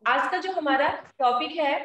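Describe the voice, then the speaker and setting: A young Indian woman teaching an English lesson to children, explaining slowly in a mix of Hindi and English. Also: sits high, a bit bright. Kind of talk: online class lesson. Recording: echoey, distant from the mic.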